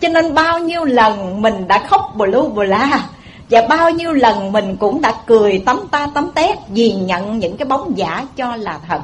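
A woman's voice: fairly high pitch, animated, a little slow, a little hiss or hum, low-quality recording. A woman with a Southern Vietnamese accent giving a Buddhist dharma talk, telling a folksy story and addressing listeners directly. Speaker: Buddhist preacher.

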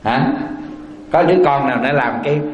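A Buddhist monk giving a folksy sermon, often asking the audience rhetorical questions. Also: male voice, mid-range voice, lively intonation, moderate pace, highs cut off. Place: temple hall. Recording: echoey hall.

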